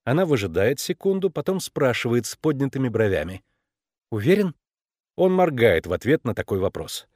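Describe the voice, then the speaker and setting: A man reads an audiobook aloud with lively, animated pitch movement. The recording is dry and close, with no room around the voice. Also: brisk, few pauses, no room sound. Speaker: audiobook narrator. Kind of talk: scripted narration.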